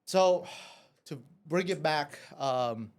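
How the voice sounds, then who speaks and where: Speaking slowly but animatedly in a fairly high pitch, a man from Vietnam who runs a café shares his life story on a podcast. He keeps it casual and talkative, leaning on lots of fillers and tagging "right?" onto many sentences.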